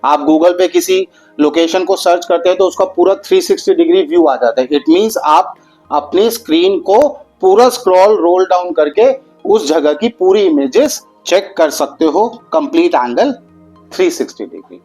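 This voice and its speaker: A male math teacher explains geometry in a patient, encouraging way. His voice sits a little high for a man, and he drags out the important terms. Soft music plays faintly behind him. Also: rough recording. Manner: patient, addresses students as "beta"; slows down and stretches out key terms.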